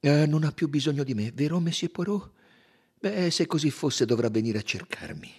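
A man's voice: on the high side, expressive, moderate pace, darkish tone, husky, pitched above the performer's own voice. A man reading aloud and voicing an angry, blustering male colonel who threatens and warns. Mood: defiant.

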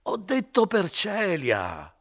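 A man voicing a wily middle-aged innkeeper in an audiobook, wheedling and falsely gentle. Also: deep voice, sing-song, measured pace, creaky, breathy edge, full character voice. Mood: urgent. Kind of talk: audiobook character voice.

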